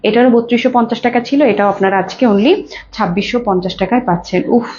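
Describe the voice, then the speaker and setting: A woman with a Bangladeshi Bengali accent and a hoarse voice, pitching saris in an effusive live sales stream. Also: fast, darkish tone. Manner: effusive, mixes English phrases. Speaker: live-stream saree seller. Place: clothing showroom. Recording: dull lo-fi live stream with faint noise.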